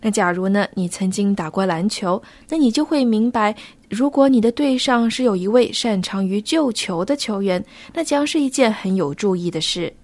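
Measured female radio co-host, dry studio. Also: medium pitch, lively intonation, a little mellow, no echo.

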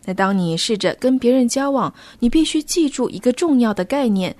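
Measured female radio co-host, dry studio. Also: on the high side, lively intonation, a little mellow, no echo.

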